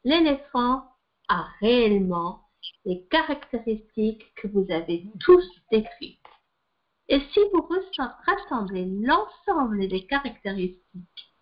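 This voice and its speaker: A woman reading out the lines of a wise old man who settles a dispute, in a calm storytelling voice. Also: medium pitch. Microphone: video call. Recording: muffled video call audio.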